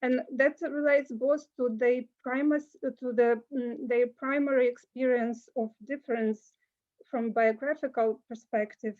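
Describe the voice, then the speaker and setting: A woman giving an academic conference talk over a video call, pausing often with filler sounds. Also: on the high side, steady tone, lo-fi sound. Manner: hesitant, many filler sounds. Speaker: conference speaker.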